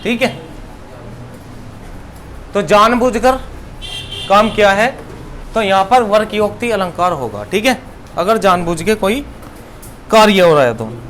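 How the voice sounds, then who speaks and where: High-voiced Hindi teacher quizzing students. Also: male voice, expressive, a little slow, pauses often, a bit bright, poor audio. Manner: explains step by step and quizzes the listener with rhetorical questions. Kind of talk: exam-prep grammar lesson. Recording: faint background noise.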